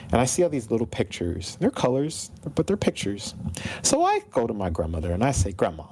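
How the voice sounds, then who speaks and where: Appearing as an interview guest, a video game composer in his thirties tells stories in a casual, animated way, acting out bits of remembered dialogue. His medium-pitched, darkish voice swings hugely in pitch and moves a little fast. The audio is poor, with slight background noise.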